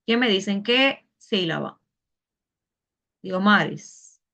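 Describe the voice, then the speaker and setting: A woman teacher talking a class through a lesson with patience, going step by step and stopping to quiz her students. Her voice sits at an ordinary middle pitch. The sound is a little dull and lo-fi, as on a video call. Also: lively intonation, slow, vocal fry, fairly bright tone. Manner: patient, explains step by step with questions. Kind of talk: online Spanish class.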